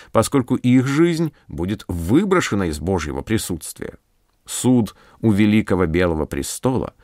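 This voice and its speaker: Male preacher, low voice, solemn scripted sermon with lively intonation. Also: no room sound, clean studio sound. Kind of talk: scripted radio sermon reading.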